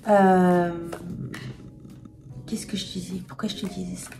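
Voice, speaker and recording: A woman chatting candidly to camera as a tarot reader, talking frankly and often pausing to search for words. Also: on the low side, little pitch movement, vocal fry, mellow, soft background music. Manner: hesitant, many filler pauses, frank and confiding. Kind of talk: candid casual vlog chat.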